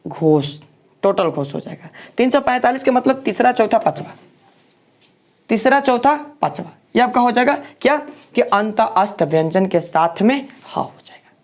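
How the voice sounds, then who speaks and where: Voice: medium pitch, expressive, normal speed. A teacher giving a grammar lesson, drilling points with repeated questions and frequent checks for understanding. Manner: repetitive, drills with questions and "ठीक है".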